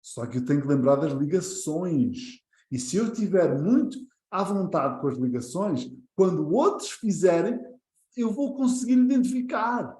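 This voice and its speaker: A man with a European Portuguese accent teaching an online English lesson, slowly repeating each example phrase. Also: high voice, animated, warm tone, roomy sound.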